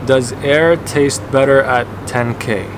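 A man's voice: mid-range voice, takes it slowly. Young man chatting in an echoey room. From Canada and Qatar. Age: 20s. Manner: relaxed, chatty, frequent fillers and restarts. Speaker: YouTuber answering viewer questions. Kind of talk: casual Q&A vlog. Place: home office, then outdoor courtyard. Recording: echoey room with clear background noise.

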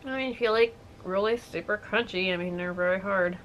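A woman chats offhandedly with her mouth full, chewing a crunchy cookie between words. Her pitch sits in an ordinary middle range. The recording carries steady background noise and small clicks. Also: a little fast, lo-fi sound. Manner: relaxed, chatty, offhand. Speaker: video host. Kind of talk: casual taste-test chat. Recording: noisy home recording with clicks.

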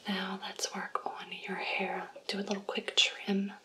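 A young woman in a whispered role-play as a kindly backstage makeup artist, softly whispering close to a microphone in a small room. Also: medium pitch, completely flat delivery, measured pace. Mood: brisk caring. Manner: gentle unvoiced whisper, close to the mic. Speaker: ASMR creator. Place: small indoor room with purple light. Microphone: close studio microphone.

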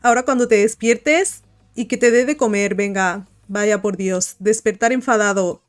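A woman's voice: mid-range voice, normal speed. Woman chatting cheerfully over a life-sim game. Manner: chatty, coos and talks to the game characters. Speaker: gaming video host. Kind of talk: casual gameplay commentary. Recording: light music behind.

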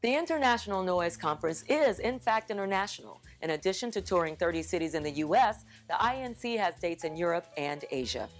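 A woman's voice: lowish voice, lively intonation, brisk, few pauses, faint music behind. A woman hosting an arts program, reading scripted narration with a polished presenter delivery. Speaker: host.

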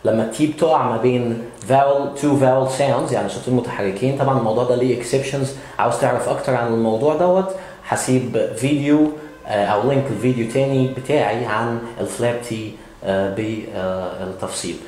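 Egyptian male English teacher, brisk, patient, hesitant fillers, reverberant room. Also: medium pitch, steady tone, a little mellow. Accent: Egyptian Arabic. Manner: patient, with many "aah" fillers, models words slowly. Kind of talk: explanatory language lesson. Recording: very echoey room.

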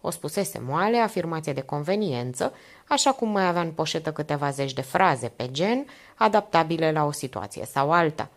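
A woman narrating an audiobook with expressive storytelling. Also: low-pitched. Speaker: audiobook reader.

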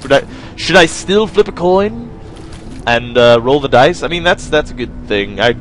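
Faint game music plays beneath a young gaming video host whose slightly high voice is expressive and moves at a normal speed. He offers rambling, self-mocking commentary, cracking jokes and addressing his viewers.

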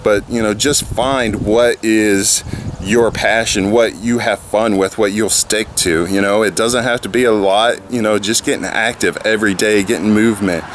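Holding the camera at arm's length, a man in his thirties who vlogs about fitness rambles casually with fillers, first outdoors by his house and then in the garage. He speaks at a normal pace in a voice on the low side, and slight background noise comes through.

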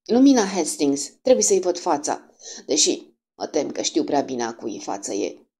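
A woman reading the part of a fussy little male detective, speaking in a hushed, secretive murmur. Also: deep voice, very animated, slightly rough, full character voice. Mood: urgent.

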